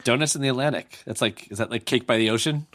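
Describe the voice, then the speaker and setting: A man's voice: mid-range voice, quick pace, fairly bright tone, dry recording, studio quality. A man co-hosting a casual podcast, reacting to the story with puns and playful wisecracks. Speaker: podcast co-host, listener. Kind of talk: casual chat.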